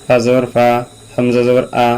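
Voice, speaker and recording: A man teaching Quran reading, spelling out syllables slowly and repeating them patiently for learners. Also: mid-range voice, rough recording. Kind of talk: slow spelled-out recitation lesson. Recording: steady mains hum behind the voice.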